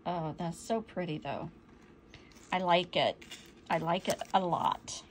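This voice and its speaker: A woman's voice: on the low side, slow pace, slight background noise. A woman chatting through an unboxing, easily delighted and often apologizing for slips. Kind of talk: casual unboxing chat.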